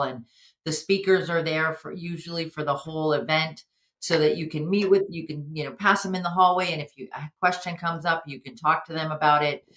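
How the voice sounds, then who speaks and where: A relaxed livestream co-host talks thoughtfully, pausing to find words. The voice is bright and sharp. The sound is roomy, with a clear echo. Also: medium pitch. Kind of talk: casual livestream talk.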